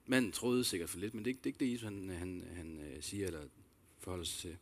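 A pastor with a deep voice preaches a sermon in an earnest, reflective way. He repeats key phrases and addresses listeners directly with questions.

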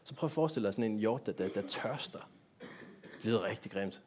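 A man's voice: lowish voice, expressive, darkish tone, slight background noise. A man giving a sermon in a church, talking directly to the congregation and asking them many rhetorical questions. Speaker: pastor.

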